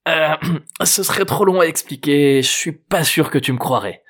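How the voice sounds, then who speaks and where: A man's voice: on the high side, moderate pace, fairly bright tone, husky, pitched above the performer's own voice. A man reading an audiobook voices an awkward middle-aged man who hesitates and stammers. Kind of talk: audiobook character voice.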